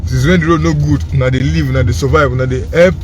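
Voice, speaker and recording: A man's voice: mid-range voice, fairly even intonation, fast talker. A Nigerian man from Edo State speaking Pidgin in a casual running commentary, pleading and repeating himself emphatically to the public. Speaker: roving vlogger. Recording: loud vehicle and road noise.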